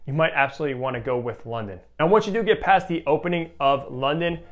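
A young man in his twenties casually reviewing a fragrance, animated and enthusiastic, with a lot of "like" fillers, on a clip-on mic. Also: fairly high pitch, quick pace. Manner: animated and enthusiastic, many "like" fillers, gestures with a test strip. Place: room with shelves of perfume bottles. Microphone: small clip-on mic on shirt.

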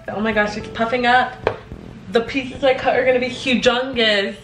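A young adult woman vlogs casually while cooking in her small home kitchen, filmed by a camera on the counter, and she's bubbly, chatty, and self-mocking. Her slightly high voice is unhurried with fairly even intonation. The rough recording is echoey and has music underneath.

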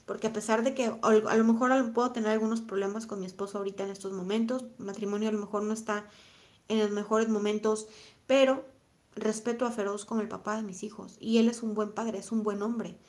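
A woman with a Mexican accent, in her thirties, talking on a live stream and answering chat comments in a reflective, soft-spoken way, often repeating her phrases. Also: medium pitch, fairly even intonation, fairly quick. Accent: Mexican Spanish. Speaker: vlogger reading live chat.

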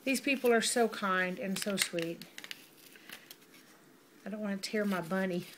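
A middle-aged woman, chatting warmly through an unboxing, gushing over each item and calling viewers y'all. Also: medium pitch, a little slow. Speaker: vlogger unboxing a mail order. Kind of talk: casual unboxing chat. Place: home. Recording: noisy home recording with crinkling packaging.

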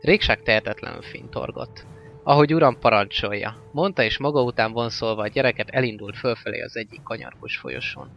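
A man reading a fantasy novel aloud as an audiobook narrator, in a steady, even-paced way. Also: medium pitch, creaky, few pauses. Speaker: audiobook reader. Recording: slightly dull lo-fi with faint music.

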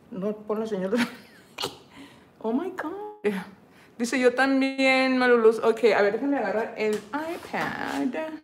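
A woman's voice: a little high, a bit bright. A middle-aged woman, hosting her cooking channel's livestream in a casual, chatty way, laughing often and slipping into English phrases.

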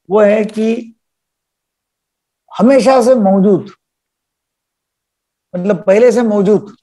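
A man's voice: sits high, warm tone. An older man, a psychiatrist leading a live webinar over a video call, explaining by acting out little dialogues.

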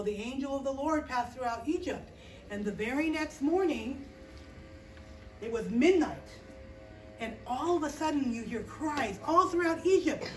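A middle-aged woman teaching children in a small indoor classroom, telling a Bible story with lively acting and frequent "okay?" check-ins. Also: high voice. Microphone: far camera, no visible mic. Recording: roomy echo, distant camera.

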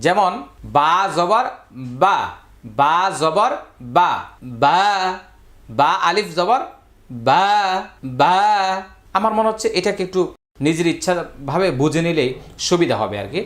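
A Quran reading teacher giving a step-by-step recorded lesson, drilling letter sounds in slow, repetitive chants and stretching vowels to show their length. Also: mid-range voice, expressive.

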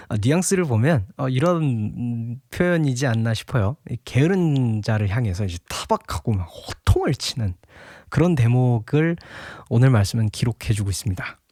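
A man's voice: medium pitch, lively intonation, moderate pace, darkish tone, no echo, clean studio sound. A young man giving a casual devotional Bible talk, chatty and laughing often, at times acting out a scolding father.

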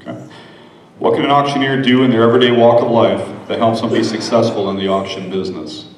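A man's voice: medium pitch, little pitch movement, brisk. A middle-aged man reading out formal interview questions as an emcee on stage. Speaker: master of ceremonies asking questions. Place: indoor stage at a podium. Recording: echoey hall, distant, background noise.

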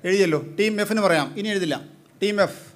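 A man hosting a live quiz as quizmaster, briskly prodding the teams and questioning their answers. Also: high voice.

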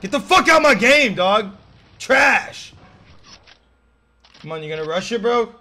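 A young man with a lisp, streaming a game live and yelling and swearing in bursts of rage. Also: high voice, sing-song, measured pace. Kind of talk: raging live-stream commentary.

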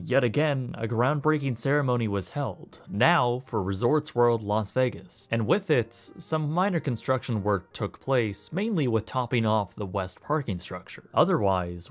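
A man narrating a scripted documentary in a voice-over, with wry, slightly sardonic asides. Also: medium pitch. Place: voice-over, recorded separately from footage.

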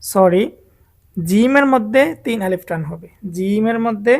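A woman's voice: medium pitch, animated, a little mellow. A woman teaching Arabic letters to adult learners as a Quran teacher, drawing out each letter name and repeating it for the class to echo. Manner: drawn-out, repeated letter names for students to echo.

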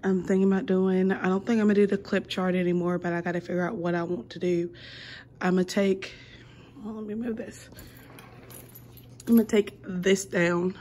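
A woman's voice: lowish voice, steady tone, moderate pace, long pauses, mellow, a little hiss or hum. A young adult woman, a kindergarten teacher, chatting casually to her camera in a rambling way with lots of ums and restarts. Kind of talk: casual vlog chat.

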